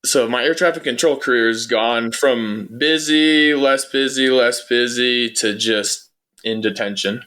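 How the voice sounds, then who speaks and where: A man with a medium-pitched, sharp-toned voice speaks a little slowly. As a guest who used to work in air traffic control, he answers interview questions in a relaxed, conversational, matter-of-fact style.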